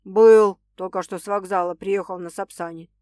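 A woman's voice: mid-range voice, fairly even intonation, normal speed, no room sound, studio quality, natural voice. A woman voicing a hot-tempered young man, an ex-husband, in an audiobook. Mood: concerned. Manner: fierce, shouting.

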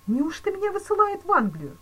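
A woman voicing a terrified male banker who pleads in shrill, panicky exclamations in a storybook reading. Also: huge pitch swings, brisk, fairly bright tone, exaggerated voice, rough recording. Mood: panicked.

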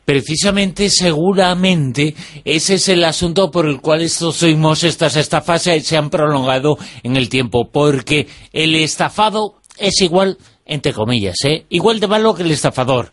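A man's voice: fairly high pitch, normal speed, a bit bright, dry recording, clean studio sound. A man with a Spanish accent from Spain, hosting a radio interview in a discursive way with frequent fillers. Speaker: radio host.

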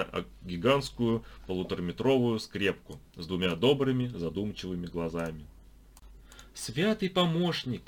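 Low husky-voiced male audiobook reader. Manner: animated, ironic storytelling. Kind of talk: expressive audiobook narration.

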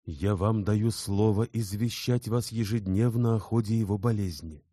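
A man voicing an anxious, gentle young man who urgently reassures a distraught woman. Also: lowish voice, moderate pace, no echo, studio quality, pitched above the performer's own voice, natural voice. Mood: reassuring.

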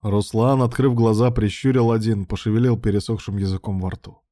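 Low, mellow male audiobook narrator. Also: fairly even intonation, a little fast, no echo, clean studio sound.

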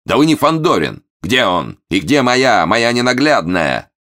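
A man's voice: medium pitch, big pitch swings, a little slow, voice pushed up. A man voicing a theatrical male con man who rants and wails as a betrayed husband in an audiobook. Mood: raging. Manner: loud, wailing, melodramatic.

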